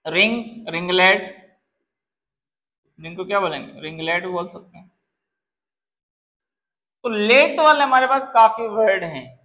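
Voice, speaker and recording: High-voiced male grammar teacher. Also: measured pace, long pauses, sharp tone. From Pakistan. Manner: patient, repeatedly asks if students understand; calls students "beta", explains with word examples. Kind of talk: classroom grammar lesson.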